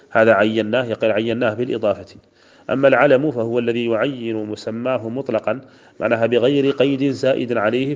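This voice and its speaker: A man with a Mauritanian Arabic accent teaching classical grammar, reciting verses slowly and then explaining them in a measured way with fillers. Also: mid-range voice, a little mellow. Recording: dull lo-fi recording.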